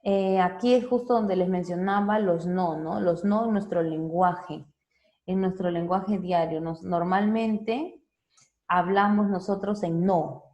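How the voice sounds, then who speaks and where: A woman's voice: lowish voice, slow pace, a little mellow, highs cut off. A woman psychologist, giving an informal talk for parents, explaining step by step and often checking in with tag questions. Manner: conversational, frequent tag questions.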